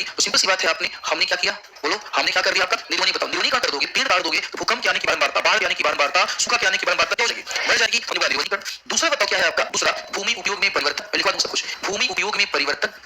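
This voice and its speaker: Male geography teacher, rapid-fire call-and-response lecturing, high bright voice, faint room noise. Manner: drills students with repeated questions. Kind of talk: classroom lecture. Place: classroom.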